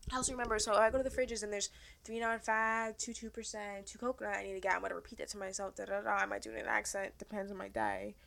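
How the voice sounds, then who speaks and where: A young adult woman co-hosting a casual podcast, talking fast and loose, rambling and swearing freely. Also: medium pitch, little pitch movement, creaky, fairly bright tone. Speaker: podcast co-host.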